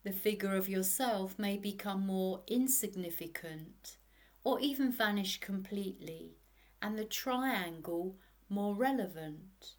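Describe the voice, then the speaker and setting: In a hushed, unhurried voice of medium pitch, a woman guides a meditation like a soothing sleep story, leaving long pauses between her words.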